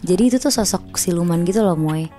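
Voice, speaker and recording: A woman spinning a horror tale for her co-hosts in a relaxed, slangy way. Her voice is mellow and dark-toned, set a little low. Quiet music runs under her. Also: fast. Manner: chatty, slangy, vivid sound effects. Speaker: podcast storyteller. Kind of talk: casual horror storytelling.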